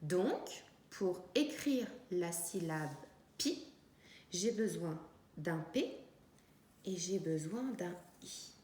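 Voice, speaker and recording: A woman teacher giving a reading and writing lesson to young children, speaking slowly and clearly and stretching out the syllables. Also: fairly low pitch, animated, darkish tone. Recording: echoey room.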